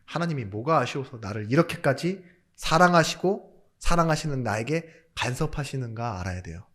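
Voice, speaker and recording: Korean pastor preaching with lively emphasis. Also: male voice, medium pitch, moderate pace. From South Korea. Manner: lively preaching with rhetorical questions and sudden loud emphasis; jokey asides. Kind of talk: sermon.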